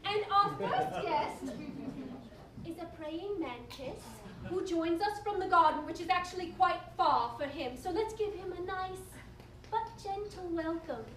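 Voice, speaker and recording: A woman's voice: extremely high pitch, unhurried, crowd noise. A woman playing a female sex-advice doctor who hosts a comic talk show, courteous, soothing and playfully grand. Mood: welcoming, playful. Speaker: show host. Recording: echoey live venue, distant, noisy audience.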